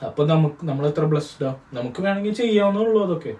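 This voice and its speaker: A young Malayali man as co-host in a casual question-and-answer chat, explaining his views in a calm, lecturing way. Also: fairly high pitch, rapid-fire, reverberant. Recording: distant mic with faint noise.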